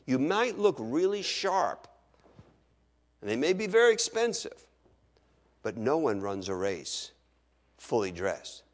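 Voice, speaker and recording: A middle-aged man preaching a sermon, acting out his listeners' objections in an animated way. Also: mid-range voice, slow, pauses often.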